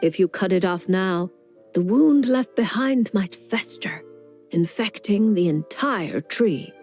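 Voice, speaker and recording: An old witch-like fortune teller from a video game, knowing and a little creepy. She speaks slowly with lively, teasing swings in pitch and cryptic calm, over background music. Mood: cryptic, matter-of-fact. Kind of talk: video game character dialogue.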